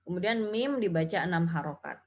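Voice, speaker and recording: A woman's voice: fairly low pitch, expressive, a little fast. A woman teaching Quran recitation rules, explaining patiently and chanting example syllables. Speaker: tajwid teacher. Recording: dull lo-fi audio.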